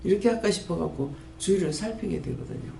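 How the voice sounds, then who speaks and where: A woman's voice: quick pace, creaky, a little hiss or hum. A woman in her fifties with a Gyeongsang accent, giving an earnest sermon testimony as pastor of a prayer house. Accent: Gyeongsang Korean. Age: 50s. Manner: earnest, storytelling, lively pitch swings. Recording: echoey room with faint ambience.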